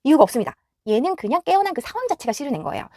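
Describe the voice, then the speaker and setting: A woman parenting educator talks straight to parents in a quick, instructive way, breaking into little acted scenes from home life. Her voice sits fairly high and leaps around with lively intonation. The sound is close and dry, with no room around it. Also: no echo. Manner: direct, instructive. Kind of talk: explanatory talk to parents.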